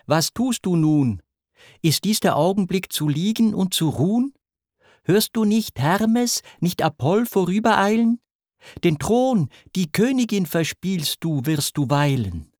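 A man's voice: on the high side, lively intonation, slow, dry recording, clean studio sound. A man voicing a young woman from myth, coy and pleading in a raised, imploring voice. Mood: anxious. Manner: raised, imploring, sighing delivery.

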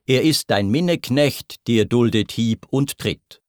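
A man's voice: mid-range voice, slow, no echo, clean studio sound, close to an everyday voice. A man voicing a wrathful king of the underworld in a recited verse story, stern and commanding.

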